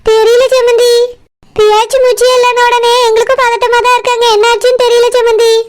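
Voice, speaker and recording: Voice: extremely high pitch, completely flat delivery, a little fast, noisy background. A voice actor playing a worried in-law woman who anxiously reports bad news in a Kanyakumari Tamil accent in a cartoon. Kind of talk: cartoon voice acting.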